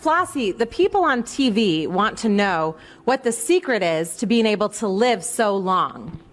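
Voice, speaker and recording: A woman's voice: medium pitch, big pitch swings, a little slow. A woman working as a TV reporter, doing a friendly interview with an elderly person.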